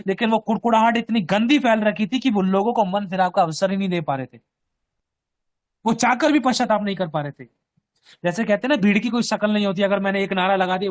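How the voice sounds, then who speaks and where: A man's voice: high voice, dry recording. A man preaching as a pastor. He often asks his listeners whether they understand and acts out the voices he quotes. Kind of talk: sermon. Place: home.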